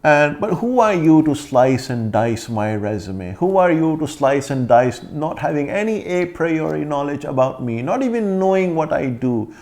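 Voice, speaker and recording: A man's voice: on the high side, sing-song, moderate pace, few pauses, darkish tone. Indignant man with an accent. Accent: foreign accent. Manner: indignant, confrontational, addresses critic directly. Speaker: vlogger. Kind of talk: rebuttal vlog monologue.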